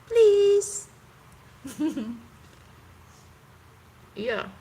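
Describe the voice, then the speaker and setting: Chatting with viewers on a live stream via her phone, a Cebuano-speaking woman from the Philippines uses Visayan-accented English and often pauses to search for words. She's very animated, with a high, warm voice and drawn-out words, plus a little hiss or hum in the audio.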